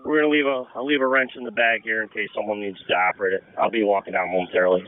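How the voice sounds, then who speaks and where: A man's voice: lowish voice, steady tone, racing, clean tone, dry recording, soft background music. A man working as a firefighter, exchanging short operational messages over a two-way radio. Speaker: firefighter handling a hydrant. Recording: tinny, noisy two-way radio, vehicle sounds.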